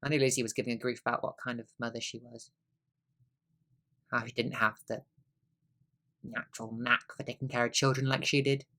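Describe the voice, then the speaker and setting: A young student actor playing a weary, brooding middle-aged husband in a stage monologue, wry and rueful, trailing into quiet asides. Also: male voice, medium pitch, flat delivery, a little fast, long pauses. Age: young adult.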